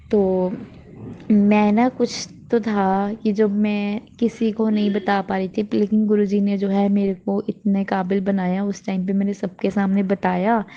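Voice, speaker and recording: A woman's voice: mid-range voice, mellow, dull audio. A young woman in her twenties sharing a heartfelt devotional testimony at home, earnest and grateful, repeating her thanks. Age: 20s. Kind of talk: devotional testimony, casual chat. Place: at home before a shrine.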